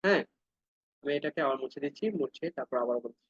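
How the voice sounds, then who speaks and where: A man teaching an online scripture class, chanting verses slowly syllable by syllable and then explaining them briskly to his students. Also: mid-range voice, breathy edge, dry recording, highs cut off. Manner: addresses students directly, asks them to follow along.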